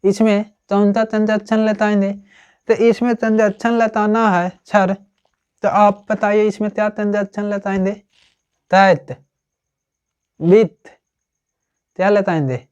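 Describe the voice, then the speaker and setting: A teacher giving a grammar lesson, explaining slowly and checking in with the class after almost every phrase. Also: mid-range voice, steady tone, a little mellow, smooth, dull audio. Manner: slow, repetitive, checks with "ठीक है ना?" often.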